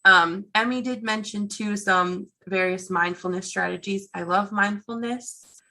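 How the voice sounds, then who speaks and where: A woman's voice: medium pitch, steady tone, unhurried, sharp tone. A woman presenting an online workshop over a video call, chatty and encouraging with many fillers. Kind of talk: online teaching session.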